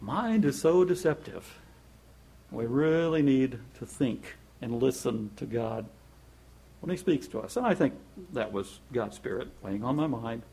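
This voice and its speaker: A man giving a conversational devotional Bible talk, reading scripture slowly and chatting in a folksy way with chuckles between points. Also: mid-range voice, lively intonation, creaky, warm tone, husky. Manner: reads scripture slowly and deliberately. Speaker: Bible teacher.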